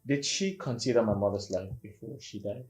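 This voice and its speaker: A bitter man played by an actor speaks in a lowish voice in a screen drama. He is stern, measured and coldly polite, with faint music underneath. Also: a little mellow, close to an everyday voice. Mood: cold refusal. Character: embittered, unforgiving man, coldly civil while refusing. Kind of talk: film drama acting.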